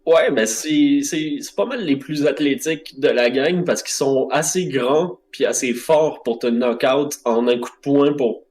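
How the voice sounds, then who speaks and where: Québécois male co-host, brisk explainer, casual chat. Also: mid-range voice, a little mellow. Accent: Quebec French. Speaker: podcast co-host.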